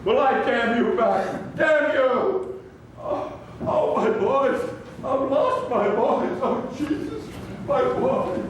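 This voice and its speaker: A man's voice: very high voice, animated, slow, heavily acted. A man playing an aging, bitter King Henry II in a theatrical stage monologue. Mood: raging. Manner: declamatory, theatrical. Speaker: stage actor. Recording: echoey hall from far off, noisy.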